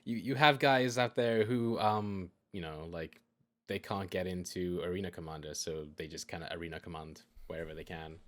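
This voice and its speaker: A man with a fairly low voice co-hosting a casual gaming podcast. He chats loosely and easily, filling his talk with likes and you knows. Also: normal speed. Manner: chatty, laughs easily, lots of fillers. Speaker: podcast co-host.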